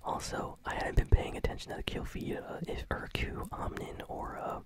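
A gaming channel host whispering ASMR commentary while chewing gum and reacting excitedly to a match. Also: moderate pace. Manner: whispering throughout.

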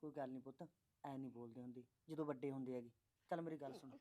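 A man's voice: mid-range voice, fairly even intonation, very fast, dark tone, slight background noise, close to an everyday voice. An actor playing a patient middle-aged father who soothes and coaxes his married daughter to stay with her in-laws. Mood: coaxing. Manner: soothing, coaxing.

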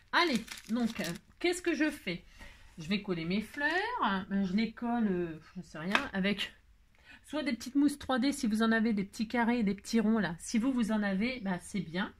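A woman with a French accent talks through a crafting tutorial in a chatty, exclamatory way, thinking aloud as she decides. Her pitch sits in an ordinary middle range. A faint noise hangs behind her voice. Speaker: card-making tutorial host.

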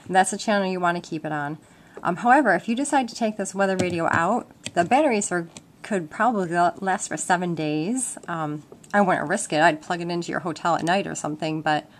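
This instructor's voice sits on the low side, and she talks briskly while giving a relaxed, step-by-step demonstration. The setting is a wooden table inside her home. Audio comes from a handheld camera mic, so it's noisy home-video sound with clicks.

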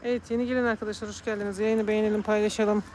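A woman's voice: medium pitch, little pitch movement, rapid-fire, darkish tone, a little hiss or hum. A woman from Turkey chatting casually on a live stream, talking about and calling to her cats. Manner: chatty, coos and calls to her cats in a raised voice.

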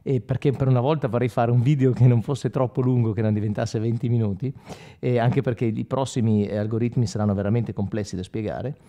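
This informal guitar tutorial features a man in his forties who demonstrates equipment and addresses the viewer directly, dropping in short questions. His medium-pitched voice is steady, brisk, and dark-toned, backed by effects-laden electric guitar.

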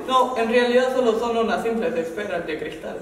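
A man's voice: high voice, a little fast. Guy doing a pushy polite salesperson at the door, far off, super echoey, comedy sketch. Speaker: door-to-door seller. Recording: very echoey hall, distant, loud music.

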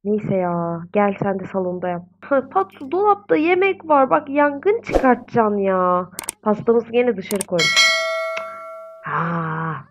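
A young woman who hosts gaming videos chats casually through a life-simulation game, frequently exasperated and cooing at the babies. Her mid-pitched voice comes through a home mic that sounds slightly dull and lo-fi.

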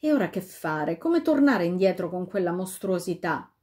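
Un re angosciato, fatto da una donna. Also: female voice, lowish voice, big pitch swings, moderate pace, darkish tone. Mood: anxious. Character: anxious fairy-tale king.

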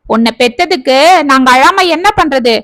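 A woman's voice: high voice, expressive, normal speed, fairly bright tone, no echo. Furious, scolding mother of a grown daughter, read by a woman narrator; storybook voice, dry close mic. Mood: outraged. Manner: scolding, outraged.

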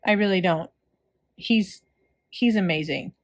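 A woman's voice: mid-range voice, measured pace. A woman hosting a music reaction video, talking casually and effusively, rambling with fillers and restarts. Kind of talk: casual reaction chat to camera.

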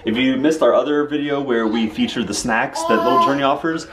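A man's voice: mid-range voice, a little fast. An American man in his thirties chatting casually to camera as a family vlogger, slangy and playful, in echoey noisy surroundings. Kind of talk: casual vlog chat to camera. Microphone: handheld camera. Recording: echoey rooms with loud background noise.

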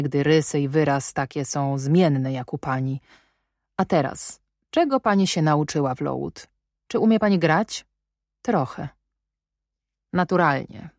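For an audiobook, a woman reads the part of a brusque, commanding gentleman who is imperious and probing, questioning sharply with sardonic, dry irony. Her voice sits low and sounds close and dry, with no room sound or echo.

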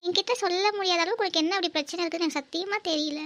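An earnest young woman student in love, voiced by a woman for a cartoon. Her voice sits very high and her words come quickly. She talks emotionally and pleads. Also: fairly even intonation, fairly bright tone. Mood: insistent. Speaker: narrator and lead character. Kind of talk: cartoon voice acting.

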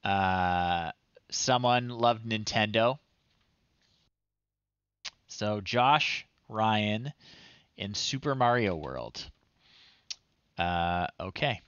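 In a small room at home, a livestream host in his thirties gives casual commentary on old software, muttering and thinking aloud in short bursts. His lowish, expressive voice is a bit bright and smooth, with drawn-out words and long pauses. The recording is dry, with highs cut off.

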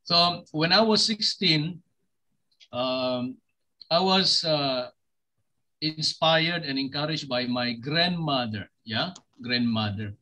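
Man from sabah, pastor, video call, bright voice, hesitant with many fillers. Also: a little high, slow pace, low-quality recording. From Sabah, East Malaysia. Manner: hesitant, many fillers, switches between English and Malay. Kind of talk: testimony sermon with scripture reading.

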